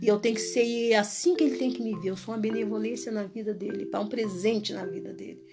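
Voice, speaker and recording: A woman's voice: medium pitch, quick pace, music in the background. A woman preaching casually and animatedly, acting out little dialogues as she talks about faith. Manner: lively, animated, acts out dialogue. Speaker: evangelical preacher. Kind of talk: casual religious talk.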